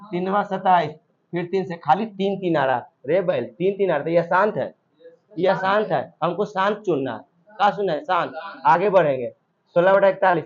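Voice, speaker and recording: A man teaching a math class, repeating steps and quizzing his students. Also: high-pitched. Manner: repetitive, quizzing students, drilling answers. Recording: dull lo-fi recording.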